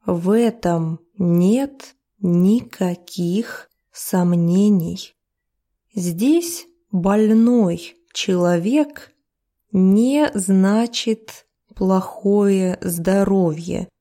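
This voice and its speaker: A woman teaching a language lesson, explaining each phrase of a text step by step in a deliberate way. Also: medium pitch, mellow.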